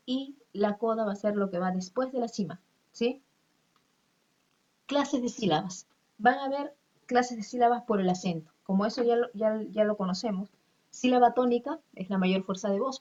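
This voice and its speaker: A woman's voice: medium pitch, darkish tone, muffled recording. A woman teacher, explaining step by step in a recorded class lesson and checking that her students follow.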